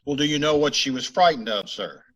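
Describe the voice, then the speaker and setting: An actor playing a polite, terse, businesslike police sergeant questioning people in an old-time radio police drama. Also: male voice, mid-range voice, animated, fairly quick, fairly bright tone, poor audio. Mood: probing. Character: polite, matter-of-fact male police sergeant, terse investigator. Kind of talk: 1950s radio police drama acting and narration.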